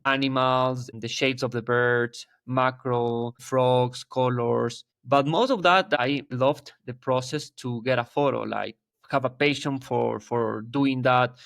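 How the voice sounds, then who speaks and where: A man in his thirties from Ecuador, a wildlife photographer, is a guest in a casual interview, speaking with an Ecuadorian Spanish accent. His mid-range voice is gravelly and a little bright, recorded cleanly in a studio without echo, and he talks earnestly, searching for words and often restarting.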